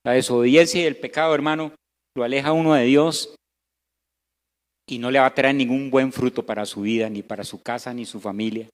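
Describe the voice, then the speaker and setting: A man with a Costa Rican Spanish accent preaching a sermon as pastor, swinging between loud emphasis and hushed, slow passages. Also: medium pitch, fairly even intonation. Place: church hall. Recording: echoey church hall.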